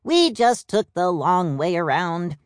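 A man's voice: high-pitched, big pitch swings, slow pace, smooth, dry recording, clean studio sound, exaggerated voice. A man voicing a peppy, playful purple peacock in a storybook audiobook, with chirpy, bouncy delivery. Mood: chipper. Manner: chirpy British-style slang, bouncy.

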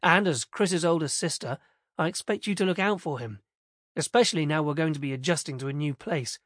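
A man's voice: on the high side, a little fast, dry recording, studio quality, close to an everyday voice. A man reading an audiobook, voicing a patient, tired middle-aged father who talks in a mild, coaxing way. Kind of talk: audiobook character voice.

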